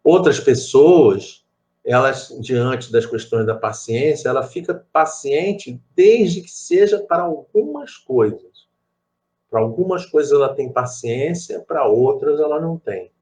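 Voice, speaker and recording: A man's voice: medium pitch, lively intonation, unhurried, a little mellow. A middle-aged man with a Rio de Janeiro accent leading a spiritist study group, telling stories with many asides and repeated phrases. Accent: Rio de Janeiro Portuguese. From Brazil. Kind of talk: conversational group study talk.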